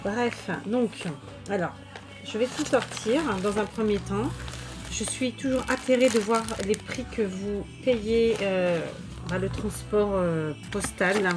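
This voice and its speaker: A woman vlogger talks casually to camera as she unpacks handmade craft gifts. Her talk wanders, full of little fillers, restarts and heartfelt thanks. Faint background music plays under her mid-pitched voice. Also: steady tone, slow pace. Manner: chatty, many fillers and restarts, warm thanks. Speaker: crafting YouTuber. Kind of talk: casual chat showing mail and purchases.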